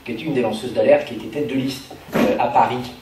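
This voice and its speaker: A man's voice: medium pitch, fairly even intonation, quick pace. A man giving structured, explanatory answers as a political speaker at a public meeting. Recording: very echoey room, distant, faint noise.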